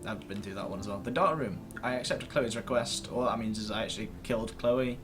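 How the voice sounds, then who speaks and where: Talking fairly quickly in a mid-range voice over background music, this man hosts a gaming video series from his computer indoors. His commentary to camera is casual, rambling, self-deprecating and a touch sweary.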